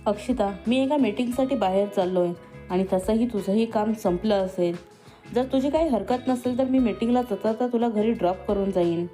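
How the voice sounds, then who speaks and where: A woman's voice: a little high, a little fast, soft background music, close to an everyday voice. A woman voicing a stern, short-tempered male boss. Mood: calm. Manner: sharp, scolding, raises his voice.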